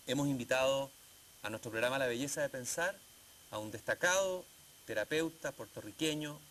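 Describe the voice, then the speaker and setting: A man hosting an interview program, speaking in a measured way and stretching some phrases slowly. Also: mid-range voice, fairly bright tone, slight background noise. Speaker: TV program host.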